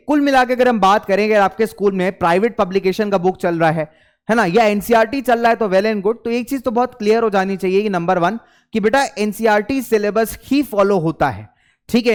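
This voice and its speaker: High, resonant-voiced man teaching. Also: clear, resonant tone. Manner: coaxing, repeats key points, mixes English phrases into Hindi. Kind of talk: study-tips lesson to schoolchildren.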